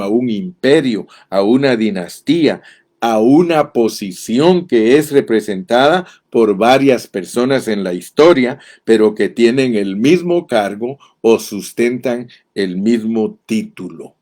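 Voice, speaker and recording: A man's voice: medium pitch, warm tone. A man teaching from the Bible as a pastor, reading verses aloud with emphasis and addressing his listeners directly. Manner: slow, deliberate, reads verses aloud emphatically.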